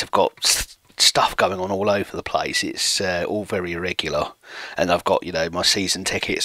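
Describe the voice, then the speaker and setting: Playing a football management game on stream from his desk at home, a man in his late thirties keeps up self-deprecating small talk and reads viewer messages aloud. His voice is low-pitched with a sharp tone and no room sound.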